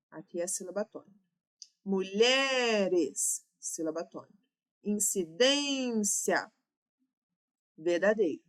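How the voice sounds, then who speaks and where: Female teacher, Brazilian accent, clear explanatory delivery for exam-prep grammar lessons. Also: fairly high pitch, a bit bright. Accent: Brazilian Portuguese. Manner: explanatory, checks in with "certo?". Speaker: Portuguese teacher.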